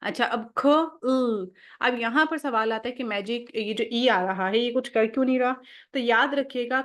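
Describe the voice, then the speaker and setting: A young woman teaching phonics for home-schooling, sounding out letters slowly and patiently and checking in often with "okay?". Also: a little high, fairly bright tone.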